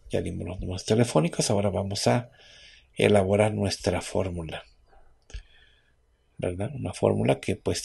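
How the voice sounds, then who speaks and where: A man with a Mexican accent hosting a radio health show, dictating herbal formulas slowly and repeating each list twice. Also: lowish voice, vocal fry, a little mellow, slightly rough. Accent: Mexican Spanish. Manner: slow and repetitive, dictating numbers and lists twice; asks and answers his own questions. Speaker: radio host giving herbal remedy advice.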